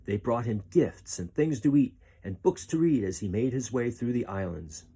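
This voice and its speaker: This male reader brings a mid-range, husky voice to a children's picture book, telling it like a storyteller with expressive, carefully paced phrasing.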